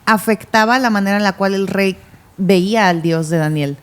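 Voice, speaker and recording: A woman's voice: mid-range voice, normal speed, clear, resonant tone. A woman talking through a Bible story in casual podcast conversation. She is earnest and reads aloud from her notes. She often repeats a word before the thought comes out. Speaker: podcast co-host.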